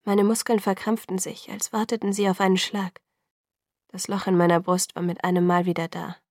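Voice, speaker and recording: A woman reading a first-person audiobook in a measured way, sometimes dropping into a whisper. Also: on the low side, flat delivery, a little mellow, dry recording, clean studio sound. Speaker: audiobook narrator.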